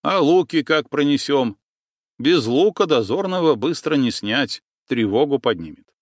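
A man's voice: medium pitch, expressive, unhurried, no room sound, clean studio sound, pitched above the performer's own voice. A man voicing a skeptical, practical male helmsman in an audiobook, raising objections. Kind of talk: audiobook character voice.

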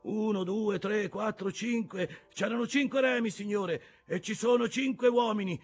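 A man voicing an eager ship's mate who reports briskly and dutifully to his captain in an audiobook reading. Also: high voice, husky, faint music behind, voice pushed up, full character voice.

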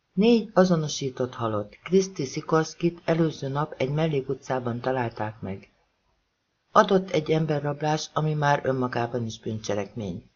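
A man reading a thriller audiobook as narrator, voicing the dialogue with shifts in pitch and loudness. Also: highs cut off. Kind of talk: scripted narration.

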